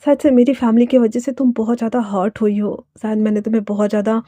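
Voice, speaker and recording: Woman voicing a calm, resolved mafia man. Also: on the high side, quick pace, no echo, lightly acted. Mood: earnest. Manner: soft, quiet, earnest.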